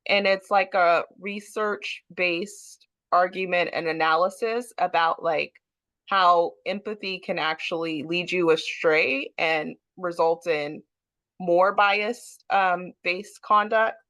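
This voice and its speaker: A woman's voice: on the low side, steady tone, slow pace, a bit bright, dry recording. A woman council member speaking tentatively in a meeting, hedging with many fillers. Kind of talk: meeting discussion.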